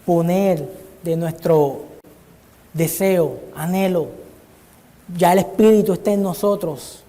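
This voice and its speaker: Mellow-voiced preacher man in a reverberant hall. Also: sits high, takes it slowly. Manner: earnest, addresses listeners as brother. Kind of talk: Bible study sermon. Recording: long church-hall reverb.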